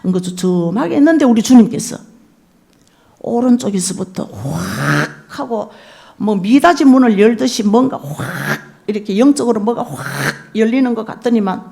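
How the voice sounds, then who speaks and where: Gravelly-voiced older Korean woman preaching. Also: a little high, big pitch swings, normal speed, warm tone. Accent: Gyeongsang Korean. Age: 60s. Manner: storytelling, acts out her own prayers, rising to tearful cries. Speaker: evangelist preacher. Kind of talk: sermon testimony.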